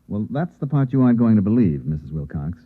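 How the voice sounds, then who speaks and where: In an old-time radio drama, an actor with a fairly low, sing-song voice plays an insistent, earnest newspaperman narrating his strange night, speaking fast with urgent, clipped delivery. The recording is muffled and narrow-band, like an old radio broadcast.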